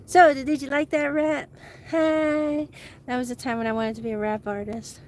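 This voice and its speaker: A woman host rambling excitedly in a casual monologue, laughing often. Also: high-pitched, unhurried, slight background noise. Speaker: channel host.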